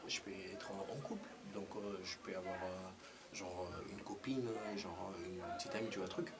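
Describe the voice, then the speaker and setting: A man's voice: low voice, steady tone, normal speed, close to an everyday voice. A man in his thirties playing a nephew visiting from Europe, stumbling over fillers as he explains himself. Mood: hesitant. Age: 30s. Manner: hesitant, many fillers and "tu vois le truc". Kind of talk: film dialogue. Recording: noticeable background noise.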